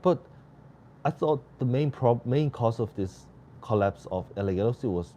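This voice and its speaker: A tired man chatting through a live soccer match from home, rambling between plays and jumping up in excitement at chances, with an air conditioner running in the room. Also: medium pitch, normal speed. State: tired, yawning. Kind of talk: casual live watch-along commentary. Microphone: home mic without noise canceling. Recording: faint air-conditioner hum behind. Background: air conditioner hum.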